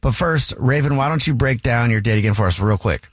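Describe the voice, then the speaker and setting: A man hosting a radio show, upbeat and brisk as he talks to callers. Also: mid-range voice, lively intonation, no room sound, clean studio sound. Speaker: radio host. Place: radio studio.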